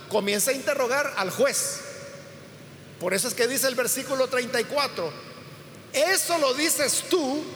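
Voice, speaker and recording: Man, preacher, high-pitched voice, verse-by-verse Bible teaching, hall reverb, faint background noise. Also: fairly bright tone. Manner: explains slowly, acts out quoted dialogue with emphasis.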